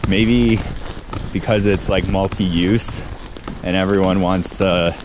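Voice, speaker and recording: A man's voice: low voice, steady tone, takes it slowly, noisy background. A man chatting casually and conversationally for an outdoor vlog, in a laid-back way. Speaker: vlogger. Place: snowy trail outdoors, later in a parked car.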